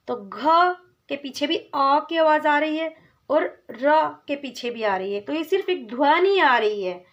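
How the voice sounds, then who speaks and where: Slow, high-voiced woman teaching children. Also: a bit bright. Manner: patient, asks questions and answers them herself; calls the listener "beta". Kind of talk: slow children's Hindi lesson.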